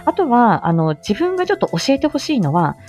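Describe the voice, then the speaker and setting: A woman streamer chatting casually with her viewers, in a calm, low, clearly articulated voice with many filler words. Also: fairly quick, soft background music. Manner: chatty, frequent fillers, reads viewer comments. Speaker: streamer, voice reader. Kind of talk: casual livestream chat.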